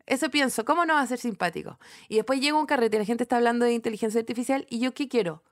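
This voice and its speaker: A woman's voice: a little high, very fast. A Chilean woman, a comedy writer co-hosting a podcast, chatting casually with sardonic, rambling restarts. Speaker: podcast co-host. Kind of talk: casual chat.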